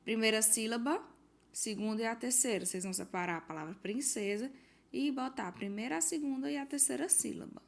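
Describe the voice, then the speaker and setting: A woman's voice: on the high side, a little fast, gravelly. A woman teacher from Brazil patiently walking pupils through a worksheet, reading out the questions and giving hints. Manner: patient, explanatory, reads out questions and gives hints. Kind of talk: recorded homework walkthrough for pupils.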